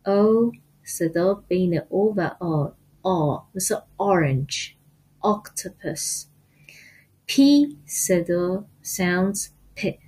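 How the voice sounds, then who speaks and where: A woman teaching English letter sounds in a lesson, explaining in Persian and saying each sound slowly and with stress. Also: fairly low pitch, expressive, dark tone, slightly rough. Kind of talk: language lesson.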